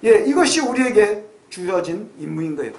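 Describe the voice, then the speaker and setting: In an echoey church sanctuary, a middle-aged pastor delivers a Sunday sermon, talking conversationally and peppering the congregation with questions while swinging between raised and hushed delivery. His voice is high and sing-song, moving a little fast.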